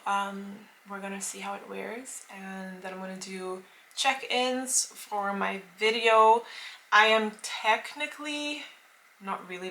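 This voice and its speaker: A woman in her late twenties vlogs casually to camera, chatty and rambling with many fillers and restarts. Her medium-pitched voice is bright and forceful, and the low-quality recording has slight background noise.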